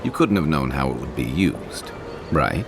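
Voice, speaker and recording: A calm, wry adventurer companion. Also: male voice, a bass voice, a little slow, creaky, background noise, heavily acted. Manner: calm, dryly reassuring. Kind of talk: video game voice acting.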